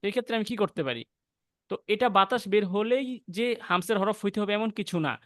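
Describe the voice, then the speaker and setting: Young Bangladeshi man, high voice, dry close sound, patient recitation teacher who demonstrates letter sounds. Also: expressive, a bit bright, dry recording. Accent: Bangladeshi Bengali. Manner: explains patiently, then recites verses slowly and drawn out. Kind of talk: online class lesson with slow recitation.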